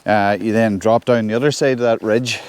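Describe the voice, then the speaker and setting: A man with a Northern Irish accent hikes alone through the snow, chatting to viewers in a relaxed vlog from an outdoor hill forest track. He speaks a little fast in a fairly low, steady voice with a darkish, clean tone.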